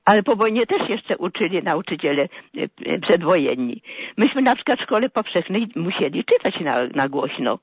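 An older woman phones in to a radio show, her husky voice rising and falling in lively sweeps as she rambles through an indignant complaint. The call sounds muffled and dry, as if carried over a phone line. She comes across as animated and aggrieved. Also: fairly low pitch, moderate pace, dry recording. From Poland. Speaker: caller.

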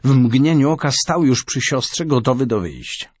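Expressive male storybook narrator. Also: mid-range voice, normal speed, husky, no echo. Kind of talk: audiobook narration.

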